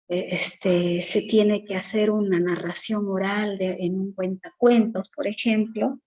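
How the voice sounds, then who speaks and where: A woman teacher giving an exam-prep lecture, explaining slowly with many fillers and tag questions. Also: medium pitch, darkish tone, rough recording.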